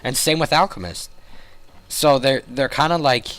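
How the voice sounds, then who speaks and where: A young man with a voice hoarse from a cold, excitedly commentating a video game and often correcting himself as he rambles. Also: mid-range voice, moderate pace. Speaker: game caster.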